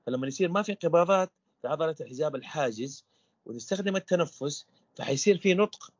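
A man's voice: a little high, darkish tone, no echo, highs cut off. A man, a stuttering coach guesting on an interview podcast, explaining in a teacherly way with repeated rhetorical questions.

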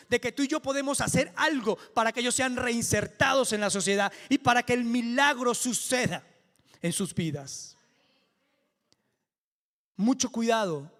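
A male pastor preaching a sermon with fervour, building to near-shouted climaxes. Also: high voice. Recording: long hall reverb.

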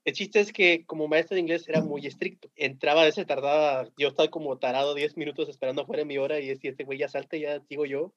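A Mexican man with a fairly high voice tells school stories in loose slang. He tells them with lively energy and laughs often. The sound is dull and lo-fi. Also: fast talker, few pauses. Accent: Mexican Spanish. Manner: animated, slangy, laughing storyteller. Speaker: teacher. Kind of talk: casual podcast storytelling.

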